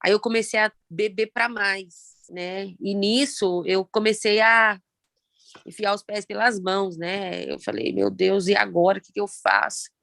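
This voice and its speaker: A Brazilian woman in her thirties with a Brazilian Portuguese accent, telling her own story of loss in a halting, reflective way with many pauses and fillers. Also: mid-range voice, steady tone, gravelly, fairly bright tone, no room sound. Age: 30s. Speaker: guest sharing personal story. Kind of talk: emotional personal testimony.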